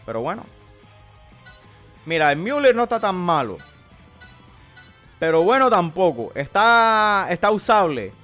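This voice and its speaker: A man's voice: sits high, sing-song, unhurried, long pauses, bright, forceful tone, faint music behind, full character voice. A man streamer putting on a playful Cuban Spanish accent as a slangy, crude Miami guy talking through game cards. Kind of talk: casual game commentary.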